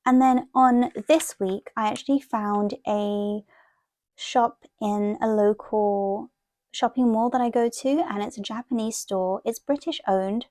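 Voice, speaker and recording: This planner and journaling vlogger, a woman of half Thai, half Italian heritage whose first language is Thai, chats casually and wanders a bit while walking viewers through an informal show-and-tell. Her voice is slightly high and mellow, with a steady tone and measured pace. There's no room sound.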